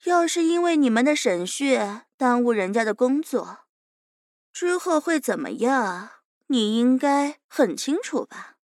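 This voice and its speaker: A woman's voice: fairly high pitch, sing-song, measured pace, a little mellow, no room sound, studio quality. A woman voicing a fearless, smug young captive who teases her interrogator and calls herself big sister, in an audio drama. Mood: teasing.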